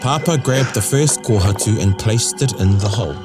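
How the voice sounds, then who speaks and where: A man with a New Zealand accent narrating a scripted story in a deliberate, dramatic way. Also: fairly low pitch. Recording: narration over loud music.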